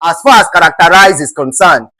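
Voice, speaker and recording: A man with a Nigerian English accent teaching an exam-prep lesson, asking rhetorical questions and repeating words slowly. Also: fairly high pitch, expressive, sharp tone, no echo, poor audio.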